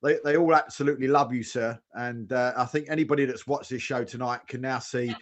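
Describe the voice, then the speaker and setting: A man's voice: medium pitch, fairly even intonation, a little fast. A man hosting a casual chat show, effusive and inclined to repeat himself. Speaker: show host.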